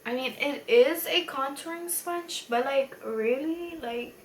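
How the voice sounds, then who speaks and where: Tipsy girl doing a makeup vlog, kinda high voice, rambles and puts herself down, echoey room. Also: unhurried. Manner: rambling, self-deprecating, mildly swearing. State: tipsy from beer. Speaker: beauty vlogger, tutorial host. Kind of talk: casual chatty makeup tutorial. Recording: echoey room with faint noise.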